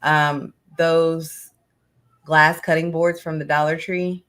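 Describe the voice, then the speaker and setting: A woman's voice: deep voice, flat delivery, slow pace, a bit bright. A woman co-hosting a craft livestream in casual chat, rambling and self-deprecating.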